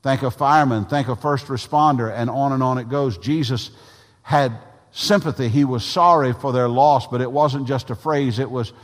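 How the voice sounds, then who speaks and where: Man preaching in a reverberant hall. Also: mid-range voice. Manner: earnest preaching with slow, soft emphatic pauses. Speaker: pastor. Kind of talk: sermon.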